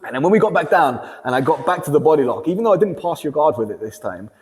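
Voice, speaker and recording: A man in casual podcast chat, telling stories with lively energy, laughing often and restarting sentences. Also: a little high, fast talker, big-room sound. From England. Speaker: grappling competitor, guest.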